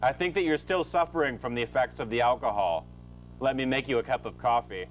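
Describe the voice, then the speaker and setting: A man's voice: medium pitch, brisk, a little hiss or hum, close to an everyday voice. Pompous scheming doctor, acted by a man. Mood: condescending. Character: smooth-talking, scheming, unethical professor and doctor father. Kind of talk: amateur comedy audio drama acting.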